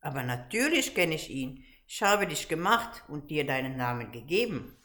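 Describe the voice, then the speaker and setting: A woman voicing a big, bearded, kindly woodcarver in a read-aloud storybook, speaking gently and reassuringly. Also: sits low, very animated, normal speed.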